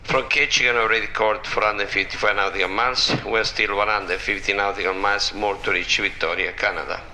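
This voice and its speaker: A man, the ship's captain, giving a formal announcement over the ship's intercom loudspeaker, steadily reading out figures with small hesitations. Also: lowish voice, steady tone, a little fast, slight background noise. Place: ship's bridge, heard in a cruise ship's public area. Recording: echoey loudspeaker announcement heard through the room.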